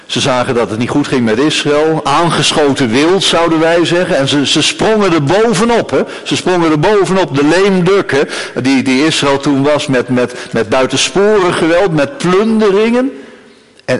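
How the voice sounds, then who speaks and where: Preacher in a reverberant church. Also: male voice, mid-range voice. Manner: emphatic, frequent tag "hè" and repeated phrases. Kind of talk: sermon.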